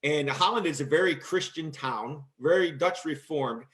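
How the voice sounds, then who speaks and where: A man hosting a casual talk show with a fairly high voice. He tells long stories in a lively, animated way, raising his voice to act out what others said. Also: moderate pace. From Michigan, USA. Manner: animated, acts out quotes in a loud voice. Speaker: host. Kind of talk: casual storytelling chat.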